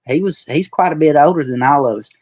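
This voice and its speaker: Talking fast in a slightly high, somewhat mellow voice, a man in his forties who retired from wrestling swaps stories on a podcast. His casual reminiscing has a folksy, rural colloquial flavor, and the recording is muffled with no room sound.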